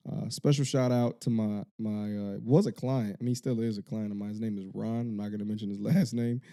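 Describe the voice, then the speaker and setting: A man co-hosting a casual podcast, talking earnestly and haltingly, with lots of fillers and restarts. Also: on the low side, fairly even intonation, mellow. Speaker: podcast co-host.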